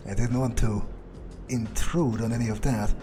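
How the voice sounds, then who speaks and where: A gameplay roleplayer voices a cynical, foul-mouthed male vampire prowling a city for prey, muttering to himself as he thinks aloud in an in-character monologue. His delivery is lightly acted, casual, sweary and hesitant, with a frustrated, sardonic mood. He speaks in a mid-range voice with a steady tone at a moderate pace, and game music plays behind him.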